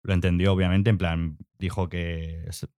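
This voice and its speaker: Young man, low voice, casual podcast chat, rambling storyteller, dry close sound. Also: little pitch movement, moderate pace, warm tone, no echo. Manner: rambling storytelling with fillers and swearing. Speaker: podcast co-host.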